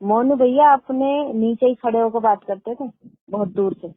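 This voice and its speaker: A woman's voice: on the high side, moderate pace, no room sound. A middle-aged woman on a phone call who talks at length and speaks in an emphatic, indignant way. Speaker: caller. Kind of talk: phone conversation. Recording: tinny dry phone line.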